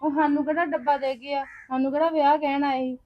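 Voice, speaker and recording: Defensive woman, high voice. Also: flat delivery, quick pace, muffled recording, soft background music. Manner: defensive, explaining. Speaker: wife in a family drama. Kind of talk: amateur Punjabi family drama acting.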